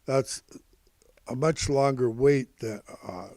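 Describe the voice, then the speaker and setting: An older man who hosts stock prediction videos and calls himself Grandpa gives informal, rambling financial commentary in a halting, repetitive, folksy way. His voice is medium-pitched and warm, and the recording is dry.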